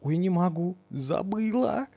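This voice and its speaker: A man's voice: high voice, expressive, a little slow, warm tone, no echo, pitched above the performer's own voice, heavily acted. Man doing a flustered, frightened simple woman. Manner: mumbling, flustered exclamations.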